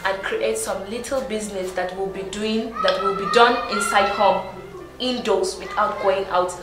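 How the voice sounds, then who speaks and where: A woman's voice: mid-range voice, fairly even intonation, moderate pace, heavy background noise. Earnest woman guest in echoey studio. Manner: earnest, advising. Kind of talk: panel discussion.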